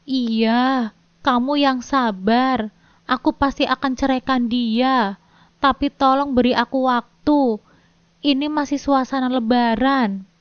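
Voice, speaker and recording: A woman's voice: high voice, steady tone, slow pace, long pauses, smooth, no room sound. A woman voicing a guilty husband who answers in a hesitant, stammering way. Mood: hushed. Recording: dull dry lo-fi recording.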